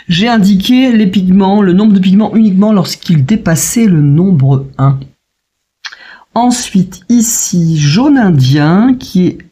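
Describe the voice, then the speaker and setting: Soft-voiced woman musing over paints. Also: sits low, slightly rough. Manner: chatty, hesitant with many fillers, thinking aloud. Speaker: watercolour painter testing a palette. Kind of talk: casual tutorial narration.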